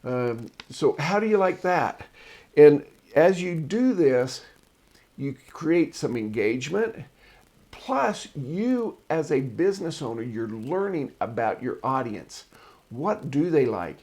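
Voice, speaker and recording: A man's voice: fairly high pitch, sing-song, slow pace, a little mellow. A man hosting a marketing show, casually reviewing articles and drifting into personal stories. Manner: chatty and digressive, tells personal stories.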